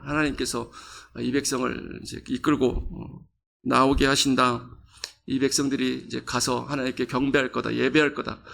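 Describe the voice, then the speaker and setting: A man's voice: medium pitch, vocal fry, fairly bright tone, a little hiss or hum. A male pastor giving a conversational sermon, quizzing the congregation and acting out quoted voices with rising emphasis. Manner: conversational preaching with quiz questions to the congregation.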